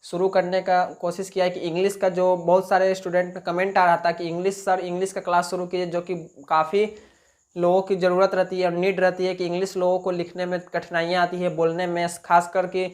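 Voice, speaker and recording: A man's voice: high voice, completely flat delivery, brisk. A man teaching a basic spoken English lesson in Hindi, explaining step by step and answering his own questions. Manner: repetitive, plain classroom talk.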